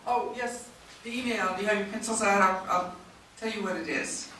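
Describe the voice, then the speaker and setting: A woman commissioner speaking at a public meeting, spelling things out slowly and correcting herself as she goes, heard from a distance in a hall. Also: mid-range voice, steady tone, fairly bright tone, a little hiss or hum. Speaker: charter commissioner. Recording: echoey hall, distant mic.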